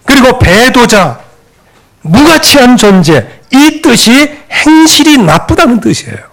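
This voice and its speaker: A male pastor delivers a sermon in a church with a notably high voice. His pitch swings widely as he preaches with animation, slipping into scolding voices when he quotes people. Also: big pitch swings, measured pace, a bit bright. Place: church sanctuary.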